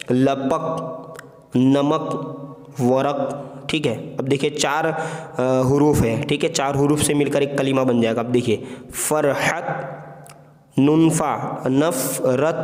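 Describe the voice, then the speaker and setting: A man's voice: medium pitch, darkish tone. Male reading teacher, patient letter-by-letter delivery, roomy recording with a long echo tail. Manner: slow, spells out letters one by one with "है ना" and "ठीक है" checks. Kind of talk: online reading lesson. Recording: echoey room with long reverb.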